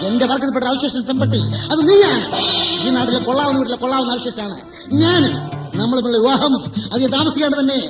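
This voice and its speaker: A man acts out a proud, domineering male guard dog in a stage story, taunting and threatening in a very high, strained voice. The sound comes from far off in an echoey hall, with loud music playing behind. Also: fast. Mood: menacing. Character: arrogant male Alsatian dog, rich bully.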